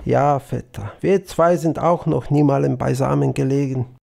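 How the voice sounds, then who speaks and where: A man's voice: mid-range voice, fairly even intonation, moderate pace, gravelly, warm tone. A man reading a story and voicing a cheerful young farmhand who talks in an easygoing, folksy way. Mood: friendly.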